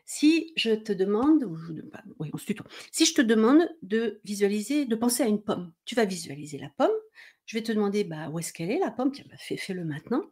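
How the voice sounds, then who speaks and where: Middle-aged female coach, warm low-key tone, chatty teaching delivery, frequent check-ins. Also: big pitch swings, fairly quick. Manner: conversational, checks in with "d'accord?", acts out inner worries. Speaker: mindset coach. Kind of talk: explanatory coaching talk.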